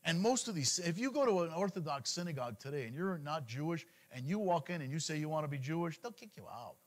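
A man's voice: on the high side, fast. A middle-aged man preaching a sermon to his congregation in a conversational style, often repeating words as he goes. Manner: animated, conversational preaching with frequent repetitions. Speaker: congregation leader.

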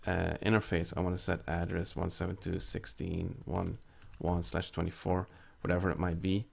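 Low gravelly man explaining a tech demo. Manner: casual step-by-step explaining with fillers. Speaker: network tutorial presenter. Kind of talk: screen-recorded tech tutorial.

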